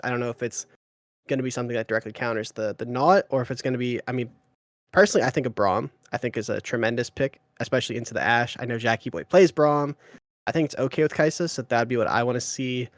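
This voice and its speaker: A man casting a live esports draft as play-by-play commentator, chatty and teasing, often filling pauses with "uh". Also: medium pitch, fairly even intonation, no echo, studio quality.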